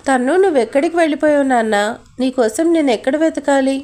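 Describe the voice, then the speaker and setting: A woman reads a young mother from a spoken storybook, soft and anxious in tone. Her voice sits high and close to her own. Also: quick pace, lightly acted. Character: young mother, tender and worried.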